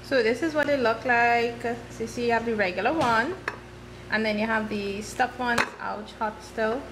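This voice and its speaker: A woman in her thirties with a Trinidadian accent, chatting casually and asking quick questions in a home kitchen. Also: on the high side, fairly bright tone, a little hiss or hum. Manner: asks short curious questions. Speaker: cooking channel host. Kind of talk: casual chat. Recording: echoey kitchen heard from afar.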